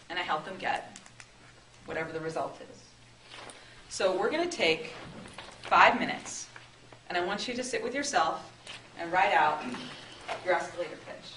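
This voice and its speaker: A woman's voice: on the low side, animated, a little slow, pauses often, fairly bright tone. A woman giving an interactive marketing workshop in a meeting room, chatty and upbeat, often checking in with the audience. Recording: echoey room, distant mic, noisy.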